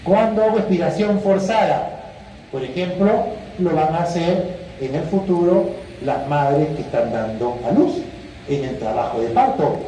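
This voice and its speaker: A man's voice: a little high, unhurried. Man lecturing in an echoey room. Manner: quizzes students with questions and answer options; animated, acts out patients and students. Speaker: physiology lecturer. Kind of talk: classroom lecture. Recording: echoey room, distant mic, faint hiss.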